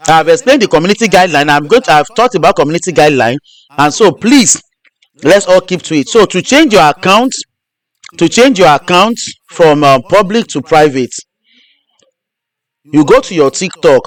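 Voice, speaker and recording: A man's voice: a little high, lively intonation, normal speed, no room sound. A man hosting a live stream, teaching step by step and repeating his instructions. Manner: repetitive, restarts phrases. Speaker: host.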